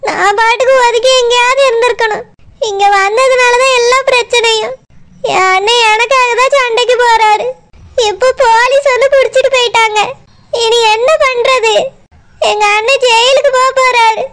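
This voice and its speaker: A woman's voice: very high voice, steady tone, moderate pace, fairly bright tone. A woman voicing a young village wife who is crying, with a Tirunelveli Tamil accent. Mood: tearful.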